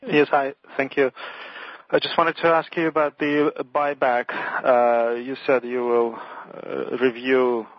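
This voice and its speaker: Man phoning in to an earnings call: monotone, hesitant, a choppy dull phone line with a dry close sound. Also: mid-range voice, slow, dry recording. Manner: hesitant, many fillers and restarts. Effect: over a phone line that breaks up. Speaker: bank analyst asking questions. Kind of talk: earnings conference call question.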